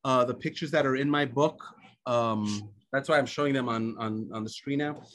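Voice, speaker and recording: A man from the United States whose first language is Hebrew tells a personal story as a guest on a video call. His mid-range voice is a bit bright, and his delivery is halting, with frequent pauses, many fillers and restarts.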